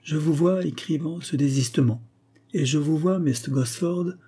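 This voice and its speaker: A composed, ironic gentleman from a spoken story, read aloud by a man lays out a fraud piece by piece. The voice sits higher than the reader's own and stays dark and husky. He speaks calmly and pointedly, never rushing. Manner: calm, pointed, unhurried accusation.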